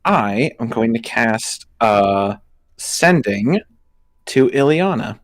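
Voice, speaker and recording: A man playing a tabletop game, describing what his character does in a playful, animated way. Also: medium pitch, slow. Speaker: player.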